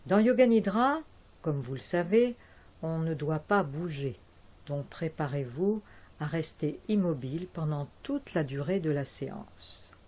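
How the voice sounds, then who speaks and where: Speaking low and calmly, a woman leads a yoga nidra session as its instructor. She paces her directions carefully and leaves intentional pauses between them.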